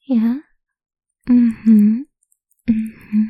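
A woman in a whispered audio roleplay, talking close to the mic in a taunting, domineering way, with soft laughs and sighs between lines. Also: on the high side, breathy edge, dry recording, narrow, tinny audio.

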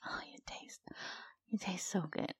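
A woman in a whispered intimate audio roleplay, talking slowly in a soft cooing manner close to the microphone. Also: dry recording. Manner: slow, cooing, mostly whispered.

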